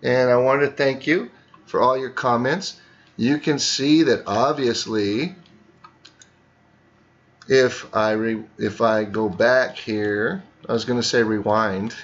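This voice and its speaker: A man's voice: medium pitch, slow, muffled recording. A man teaching students, narrating a screen tutorial and talking through each click step by step.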